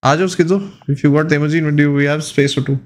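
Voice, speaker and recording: A man's voice: fairly high pitch, steady tone, racing. A man in his thirties with an Indian accent, chatting casually as a game streamer and mixing Hindi with English. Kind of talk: casual gaming chat. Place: indoor room, live stream setup.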